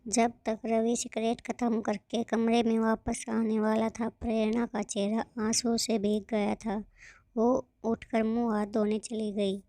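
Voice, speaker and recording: A woman narrating a moral story in a steady, scripted reading. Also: fairly high pitch, a little slow, no echo.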